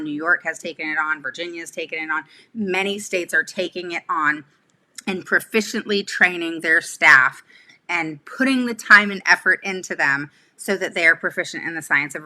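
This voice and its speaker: Her voice sits fairly low and comes out pushed and bright as this woman in her forties hosts a casual livestream from a small room at home. A special education advocate, she gives advice emphatically and chattily, often checking in with "all right?" and "okay?"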